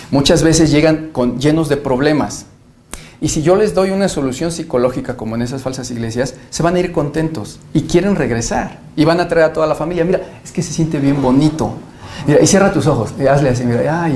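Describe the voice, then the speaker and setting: A man's voice: medium pitch, a little mellow. Pastor guy, earnest and emphatic, quotes scripture a lot, faint background hiss. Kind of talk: interview answer, preaching.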